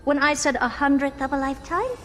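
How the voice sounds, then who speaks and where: An actress playing a haughty, smug young genius in a video game, speaking in a theatrical, condescending, taunting way. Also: female voice, high-pitched, fast, close to an everyday voice. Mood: mock cheerful. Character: haughty, smug young woman genius toying with her victim. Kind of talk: scripted video game voice acting. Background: game music.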